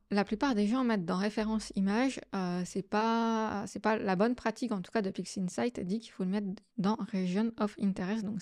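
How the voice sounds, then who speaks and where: A woman hosting a software tutorial, explaining each step casually with frequent fillers. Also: medium pitch, dry recording, studio quality. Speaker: astrophotography tutorial host. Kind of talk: screen-recorded software tutorial.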